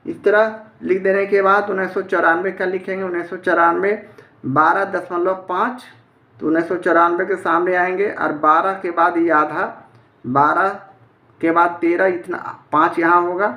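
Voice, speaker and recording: A man's voice: sits high, flat delivery, moderate pace, lo-fi sound. A man teaching a step-by-step math lesson, explaining methodically in a plain way. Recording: echoey room.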